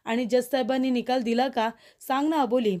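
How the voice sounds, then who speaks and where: A woman's voice: sits high, fairly even intonation, brisk, warm tone, natural voice. A woman voicing a scared, confused young woman who keeps asking what happened, in a retold TV serial. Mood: frightened. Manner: anxious questioning.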